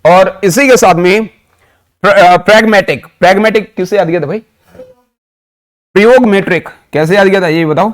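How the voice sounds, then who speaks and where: This high-pitched male voice moves at a moderate pace and pauses often. With an Indian accent, he runs an online English vocabulary class built on memory tricks, blending Hindi and English and posing questions he then answers himself.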